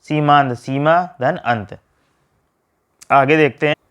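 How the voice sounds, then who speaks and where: A man teaching a grammar lesson, reading out word pairs and splitting each one in a steady drill. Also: fairly high pitch, slow, clear, resonant tone, dull audio.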